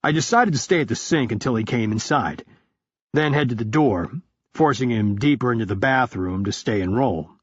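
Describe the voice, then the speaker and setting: A man narrating a thriller audiobook in the first person, calm and matter-of-fact. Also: medium pitch, normal speed, husky, no room sound, muffled recording.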